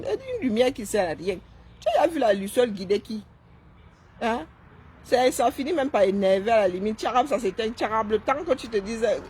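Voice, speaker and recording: A woman's voice: on the high side, a little mellow, slightly rough. A woman doing live-stream commentary while seated, mocking and sarcastic, often tossing in "hein?". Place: seated indoors.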